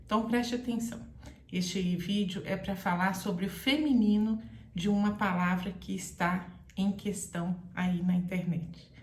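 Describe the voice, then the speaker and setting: A woman's voice: medium pitch, darkish tone. A woman Portuguese teacher giving a careful, explanatory grammar lesson straight to the viewer. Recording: echoey room.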